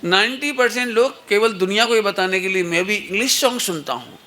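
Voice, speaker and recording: A man's voice: high-pitched, lively intonation, fairly quick, pushed and bright. A middle-aged man giving a satsang talk to children and parents, telling anecdotes and playfully acting out the people in them. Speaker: religious teacher.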